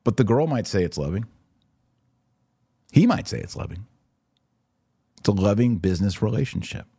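A man with a deep, slightly husky, mellow voice hosts a live religious commentary podcast, answering viewer questions at a normal pace. He's animated and emphatic, repeating short phrases to hammer points home. The recording is close and dry, with no echo.

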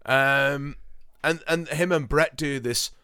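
Bright-toned man rambling on a podcast. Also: a little high, takes it slowly, smooth, no echo, studio quality. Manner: rambling, hesitant, lots of ums, sweary asides. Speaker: podcast host. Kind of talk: casual chat.

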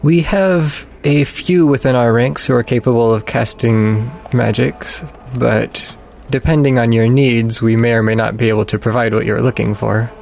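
A man's voice: mid-range voice, fairly even intonation, moderate pace, vocal fry, few pauses, darkish tone, a little hiss or hum, lightly acted. A man voicing a polite dwarf temple priest in a tabletop game, with courteous, formal speech. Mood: courteous, helpful.

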